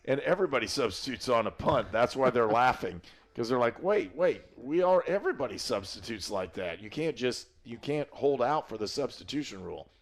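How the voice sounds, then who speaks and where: A man's voice: mid-range voice, animated, a little fast. A man doing play-by-play commentary for a college football game, chatting and explaining the rules at length. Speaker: play-by-play announcer.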